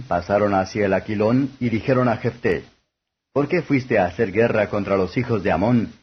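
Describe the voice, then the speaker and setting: A man reading scripture aloud as formal, scripted audiobook narration, with a husky voice. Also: fairly low pitch. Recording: dull lo-fi audio.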